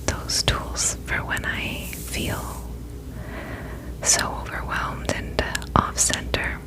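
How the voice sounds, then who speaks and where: Female ASMR host for a whispered pep talk: gentle, reassuring, unhurried delivery, fully whispered. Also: rough recording. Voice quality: whispering, breathy unvoiced voice. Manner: gentle, reassuring, slow and reflective.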